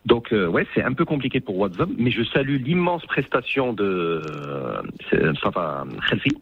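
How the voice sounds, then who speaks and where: Pundit radio, homme à la voix voilée, ligne téléphonique grêle, débit vif et hésitant. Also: male voice, lowish voice, big pitch swings, moderate pace, slightly rough, no echo. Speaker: football pundit. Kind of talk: radio sports analysis. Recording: tinny phone line.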